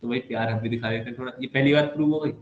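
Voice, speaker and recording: A man's voice: medium pitch, fairly even intonation, very fast, phone-quality sound. Male maths tutor, playful, teasing, chatty; roomy echo, faint hiss behind. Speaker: maths teacher. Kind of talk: online class lecture. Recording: echoey room with faint background noise.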